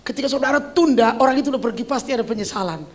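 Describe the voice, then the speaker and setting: Woman pastor, older, lively storytelling sermon, bursts of loud emphasis. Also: on the high side, rapid-fire. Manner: animated storytelling with sudden loud exclamations.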